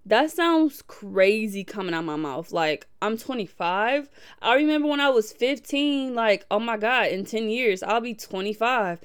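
A woman in her twenties from Milwaukee, hosting a podcast in a casual, animated way and laughing often. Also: on the high side, a little slow, smooth. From Milwaukee, USA. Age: 20s. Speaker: podcast host. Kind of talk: casual reflective podcast talk.

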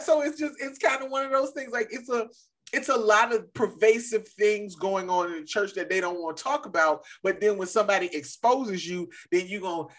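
Rambling, laughing woman podcast co-host. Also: on the low side. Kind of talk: casual chat.

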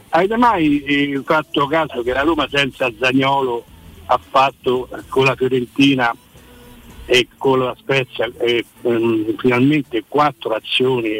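A man's voice: mid-range voice, a bit bright, low-quality recording. Older man calling in by phone. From Rome. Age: 70s. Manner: rambling, halting, repeats himself. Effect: heard over the phone. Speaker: radio caller. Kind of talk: casual call-in chat.

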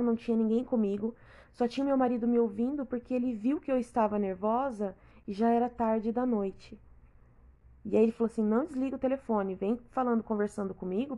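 A woman's voice: a little high, mellow. A woman, talking earnestly and repetitively straight to the listener in a reflective personal monologue.

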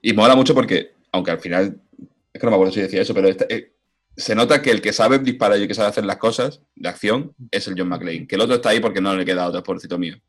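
A man in casual film chat, animated and lively, acting out movie lines in put-on voices. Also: on the low side, fast talker.

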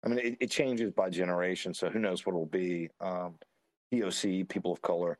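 A man's voice: deep voice, fairly even intonation, fairly quick, no room sound. A man chatting casually on a podcast, telling rambling stories with chuckles and lots of fillers. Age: adult. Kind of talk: casual chat.

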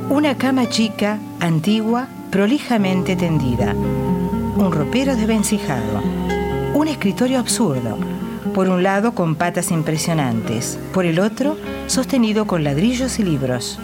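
An actress narrating a radio play in a scripted, descriptive, lyrical manner. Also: female voice, mid-range voice, big pitch swings, a little slow. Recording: speech over loud guitar music.

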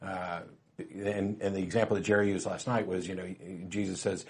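A man hosting a call-in show, telling stories in a wry, relaxed way with plenty of fillers, turning emphatic when he argues a point. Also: low-pitched, normal speed. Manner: grows emphatic and lively when arguing. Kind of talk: casual call-in talk.

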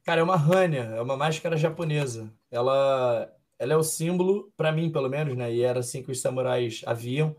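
A young Brazilian man, a fighter being interviewed, who answers in a calm, reflective and philosophical way. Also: medium pitch, fairly quick, few pauses. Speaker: MMA fighter guest.

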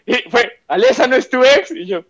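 A man's voice: extremely high pitch, expressive, normal speed, fairly bright tone. A young man telling a story to friends in casual chat, acting out quotes and swearing freely. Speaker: podcast co-host. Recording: dull lo-fi sound.

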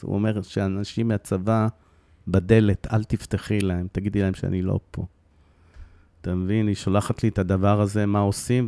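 A middle-aged man telling, with deep emotion, the story of losing his son, often repeating phrases for emphasis. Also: warm tone, no room sound. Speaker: guest, bereaved father.

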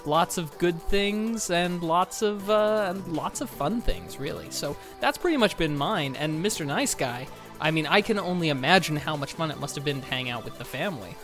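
Man, podcast co-host, casual, halting speech with repeated words, slightly high pitch, light music behind. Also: lively intonation. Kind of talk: casual chat.

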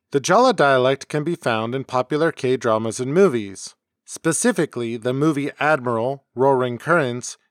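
A man hosting a homemade podcast, reading a scripted lesson in a measured, explanatory way. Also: mid-range voice, dry recording, clean studio sound. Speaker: podcast host. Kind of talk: scripted educational narration. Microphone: close home mic.

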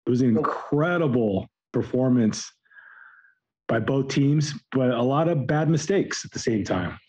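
A man with a slightly raspy, shouted-out voice, giving critical opinions in casual sports talk as a co-host. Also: mid-range voice, animated, unhurried, poor audio. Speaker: podcast co-host.

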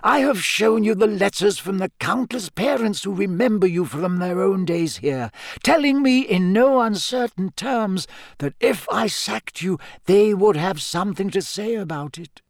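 A man performs an elderly wizard headmaster from a storybook. The voice sits high and swoops gently through measured, formal phrases. He is calm and authoritative, with a dry, whimsical wit. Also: gravelly, no echo, exaggerated voice. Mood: stern, kindly. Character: wise old male wizard headmaster, wry, calm and authoritative.

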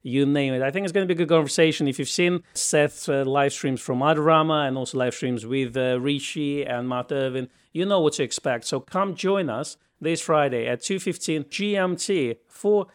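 Relaxed male podcast co-host. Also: on the high side, clean tone. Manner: relaxed, joking, slightly halting. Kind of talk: casual news chat.

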